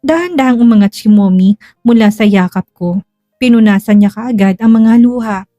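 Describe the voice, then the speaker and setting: A woman telling a first-person dramatic story in a slow, hushed, emotional way. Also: fairly high pitch, no echo, clean studio sound, faint music behind.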